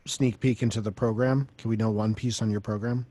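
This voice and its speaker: A man's voice: fairly low pitch, fairly even intonation, fairly quick, dark tone, no room sound. Chatty male host with winding questions. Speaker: podcast host. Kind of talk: casual interview chat.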